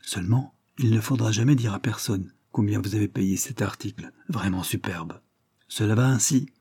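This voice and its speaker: A man's voice: lowish voice, moderate pace, darkish tone, no room sound, studio quality. Man doing a voluble, jovial salesman. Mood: confidential. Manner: smooth-talking, voluble salesman patter. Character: jovial, chatty middle-aged male shop floor manager.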